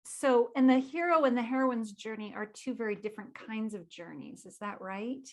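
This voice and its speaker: A woman with a fairly high voice hosts an interview, posing questions and backing up her guest with steady "mm-hmm"s. She sounds engaged and affirming. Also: moderate pace. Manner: affirming, with frequent "mm-hmm" backchannels. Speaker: interview host, conference organizer.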